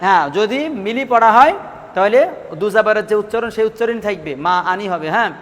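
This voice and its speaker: A man's voice: sits high, quick pace, in a large hall. A man teaching Quran recitation rules in a classroom, asking his students questions, repeating the answers and drawing out syllables as a drill. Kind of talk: classroom lesson.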